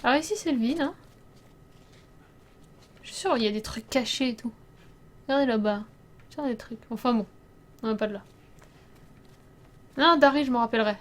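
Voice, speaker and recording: A young woman streaming a game, chatting casually with her viewers, laughing often and sometimes breaking into loud startled outbursts. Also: a little high, normal speed, pauses often. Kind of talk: casual let's play commentary.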